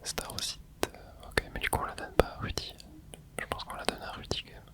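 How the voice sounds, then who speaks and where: A streamer whispering quietly, as if at night, giving casual, rambling ASMR commentary while playing a game and thinking aloud. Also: fairly quick. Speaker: video creator and streamer.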